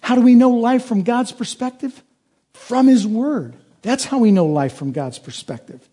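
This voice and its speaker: A man's voice: high voice, dark tone, slightly rough. A man preaching a sermon to his congregation, earnest and building to emphatic peaks. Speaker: pastor.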